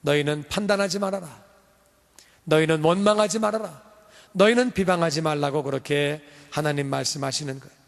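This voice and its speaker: A male pastor preaches with animated swings from forceful emphasis to hushed asides. His voice sits high for a man. A long church-hall reverb trails every phrase. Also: a little fast, gravelly. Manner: animated, shifts between loud emphasis and quiet asides. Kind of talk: sermon.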